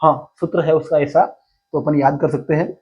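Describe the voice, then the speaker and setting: A male teacher explaining a lesson in Hindi, slowly repeating key terms and answering his own questions. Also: on the high side, steady tone, husky, highs cut off. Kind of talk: exam-prep lesson.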